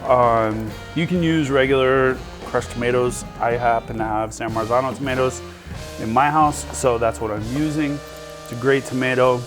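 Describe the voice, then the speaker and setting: Casual home-cook host, forties, rambling and chatty, sizzling pan and clear music under the voice. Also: male voice, medium pitch, fairly even intonation, normal speed. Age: 40s. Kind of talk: casual cooking chat.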